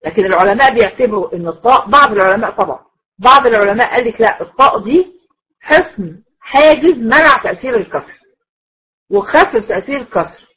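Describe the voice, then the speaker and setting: Woman, Egyptian accent, recitation teacher, somewhat high voice, husky, patient and repetitive, asks the class checking questions. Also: expressive, quick pace, a bit bright, low-quality recording. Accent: Egyptian Arabic. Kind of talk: classroom lecture.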